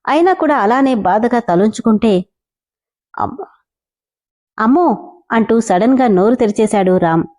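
A woman's voice: fairly high pitch, expressive, a little fast, dark tone. A woman narrating a romantic story and speaking directly to her listeners as channel host.

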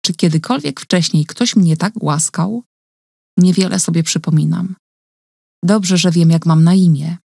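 A woman narrating a novel in the first person, quiet and measured, recorded in a radio studio. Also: fairly low pitch, creaky, dry recording. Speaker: audiobook narrator.

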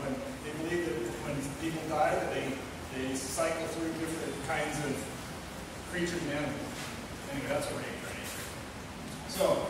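A middle-aged man giving an informal talk to a group through a handheld microphone. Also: fairly high pitch. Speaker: church speaker. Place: large hall, filmed from audience. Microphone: handheld microphone through speakers. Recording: echoey hall from far off, noisy.

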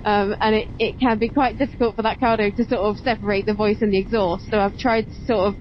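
Her voice medium-pitched and steady, a fast-talking woman hosts a motovlog from her motorbike on open roads, chatting and explaining casually. A muffled helmet intercom mic carries her voice against engine and road noise.

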